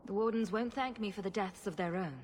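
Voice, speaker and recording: A woman's voice: mid-range voice, fairly quick, darkish tone, a little hiss or hum, natural voice. An actress voicing a young woman rogue hero who speaks plainly and directly. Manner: plain, questioning.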